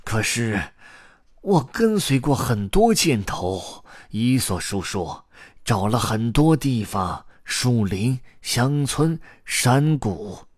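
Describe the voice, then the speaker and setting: A man voicing a tired, tearful old grandfather storyteller who talks slowly and sighs. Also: medium pitch, big pitch swings, no room sound, clean studio sound, voice pushed up. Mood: pleading. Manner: slow, sighing, exhausted.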